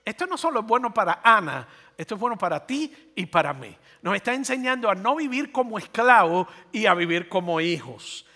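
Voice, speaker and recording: A man in his fifties preaching a sermon as pastor, animated and putting rhetorical questions to his listeners. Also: sits high, brisk, hardly any pauses. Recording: long hall reverb.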